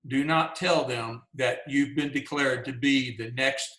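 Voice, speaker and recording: A Southern-accented man leads a workshop for writers over a video call, talking in a relaxed, folksy way with plenty of asides. His voice sits at an ordinary middle pitch, and the sound carries a noticeable room echo. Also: measured pace. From Georgia, US. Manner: folksy and conversational, many "you know"s. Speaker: workshop presenter. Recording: roomy echo.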